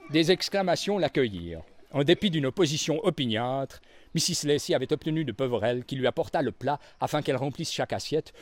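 A man narrating a storybook reading in an expressive, varied read-aloud voice. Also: fairly high pitch, no echo.

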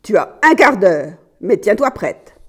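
A man's voice: high-pitched, very animated, unhurried, a bit bright, slightly rough, heavily acted. Woman reading a growling cruel Bluebeard. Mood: furious. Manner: growling, barking demands. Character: menacing husband Bluebeard, cruel nobleman.

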